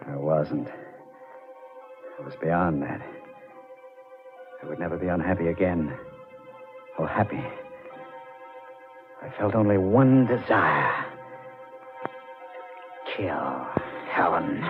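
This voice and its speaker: An actor playing a tormented, obsessed killer in a 1940s radio drama, narrating with haunted, halting intensity. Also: male voice, deep voice. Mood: bleak, brooding. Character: tormented, obsessed male strangler confessing his crimes. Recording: muffled vintage radio with music behind.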